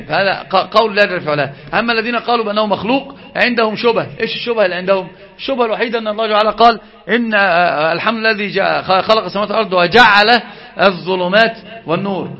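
A man giving an animated Islamic lesson, asking his listeners questions and answering them himself. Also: high-pitched, lo-fi sound. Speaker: religious teacher.

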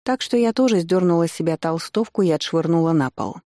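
A woman narrating a first-person audiobook in a steady, measured storytelling way. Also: on the low side, no room sound, clean studio sound.

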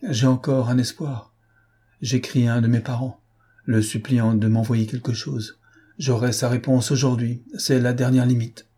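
A man reads a desperate, penniless young poet in an audiobook, a timid man who falters as he asks for help. The voice is dark and husky, soft and hesitant. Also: medium pitch, level tone, normal speed, close to an everyday voice. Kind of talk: audiobook character voice.

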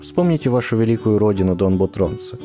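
A man's voice: lowish voice, expressive, fairly quick, warm tone, soft background music, natural voice. A man voicing a courteous, evasive male novelist who talks around things. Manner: smooth, courteous, rambling.

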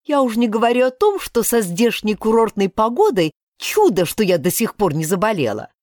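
A woman voicing a proud, sharp-tongued young woman judge who speaks haughtily and indignantly. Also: medium pitch, sing-song, normal speed, no room sound, studio quality, pitched above the performer's own voice, close to an everyday voice.

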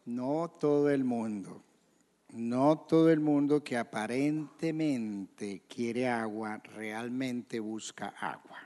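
A man preaching a sermon as pastor in a church, questioning the congregation and shouting quoted scripture. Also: mid-range voice, slow pace, in a large hall. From Colombia. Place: church hall.

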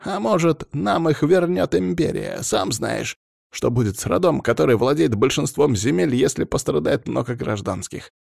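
A man voicing a furious, domineering old male clan head who yells and scolds down the phone. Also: mid-range voice, sing-song, normal speed, gravelly, no room sound, studio quality, voice pushed up, full character voice. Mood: furious scolding.

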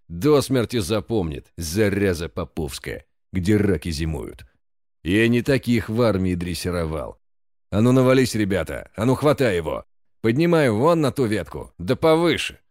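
A man voicing a drunk, brutal man leading a lynch mob, shouting and cursing in a menacing way. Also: low voice, no room sound, clean studio sound. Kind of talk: audiobook character voice.

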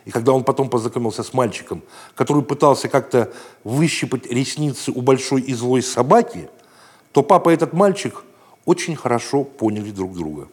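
Husky man reading a playful children's story. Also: mid-range voice, expressive, fairly quick. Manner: gentle, playful storytelling with raised voices for shouted lines. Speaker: narrator.

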